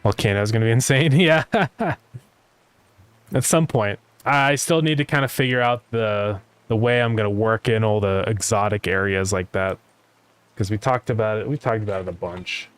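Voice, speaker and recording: A man's voice: lowish voice, normal speed, clear, resonant tone, dry recording. A man chatting casually as a game developer livestreamer, rambling as he thinks aloud, his speech slightly slurred by retainers. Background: music.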